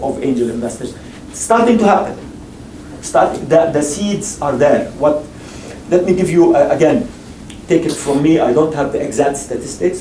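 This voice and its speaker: On an investing panel in a lecture hall, a man with a fairly high, mellow voice speaks emphatically, repeating himself and often restarting sentences during the discussion and audience Q&A. The mic is far away, so the sound is echoey with faint noise.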